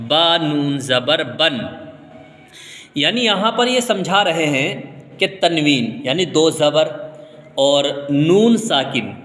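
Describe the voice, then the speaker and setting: A man from India teaching a step-by-step reading lesson, slowly drilling syllables one by one and then explaining them in plain words. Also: on the high side, pushed and bright. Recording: echoey room with long reverb.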